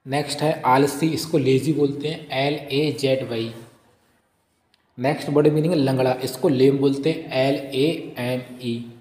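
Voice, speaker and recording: A man teaching English vocabulary, reading out each word and then slowly spelling it letter by letter in a steady dictation. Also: mid-range voice. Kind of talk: vocabulary lesson, spelling words aloud. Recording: roomy echo with long reverb.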